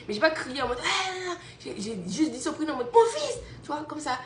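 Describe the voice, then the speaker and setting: Speaking fast in a high, slightly bright voice, she laughs a lot and keeps asking "you see?" as she animatedly tells a friend a story on a phone video call. She is a young mother from Guadeloupe, and the casual chat carries a little hiss or hum plus the roomy echo of a home room.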